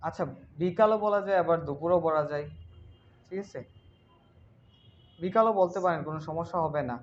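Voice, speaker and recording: A man's voice: a little high, lo-fi sound. Patient man teaching English. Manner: patient, checks in with "ঠিক আছে?"; slow, drawn-out English examples. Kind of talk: online class teaching.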